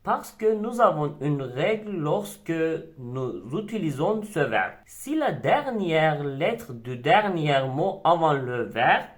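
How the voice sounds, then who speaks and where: Slow, deliberate male language teacher. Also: a little high, big pitch swings. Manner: slow, deliberate, repeats example words. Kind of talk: recorded language lesson.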